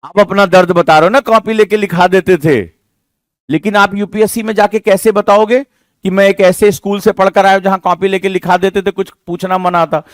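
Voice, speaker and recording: A man lecturing a classroom of exam students, his voice pitched high for a man. He talks in an emphatic, rhetorical way, teasing and scolding his listeners as he drives each point home. The sound is dry and close. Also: steady tone, moderate pace, no echo. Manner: emphatic, rhetorical, scolding-but-jokey teacher talk. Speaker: exam coaching teacher.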